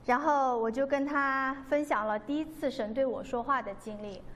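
A woman's voice: high-pitched, normal speed, a bit bright. A woman giving an earnest, devout personal testimony, telling the story and acting out the dialogue. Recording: long reverb, faint background noise.

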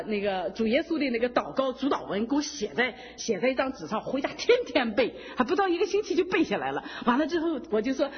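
A woman giving an emotional personal testimony, with folksy, animated storytelling full of fillers, laughing and tearful at times. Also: fairly high pitch, slightly rough. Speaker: church member giving testimony. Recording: dull reverberant hall sound.

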